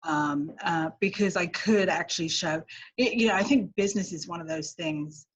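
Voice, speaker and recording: A woman from England with a London accent appears as an immigration lawyer guest in a casual interview. Her voice is on the low side, and she speaks thoughtfully and haltingly with many fillers. The recording quality is low.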